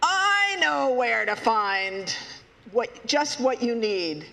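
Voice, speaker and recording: A man voicing a cheerful hoopoe bird that leads the others in a children's story, coaxing and unhurried. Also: very high voice, sing-song, gravelly, sharp tone, exaggerated voice. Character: eager guiding hoopoe bird, storybook leader. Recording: echoey hall.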